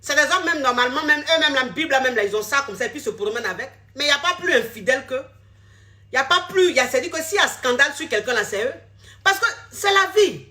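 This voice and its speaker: With a high-pitched, pushed and bright voice, a woman coaching on relationships talks fast and with lively intonation. Facing the camera for social media, she scolds her audience bluntly and keeps repeating herself.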